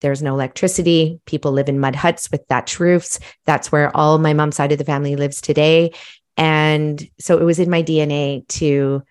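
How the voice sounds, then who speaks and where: Woman guest, middle-aged, from Malawi; deep-set voice; lively, reflective storytelling. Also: moderate pace, clear, resonant tone. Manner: animated, self-reflective storytelling. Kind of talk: casual storytelling.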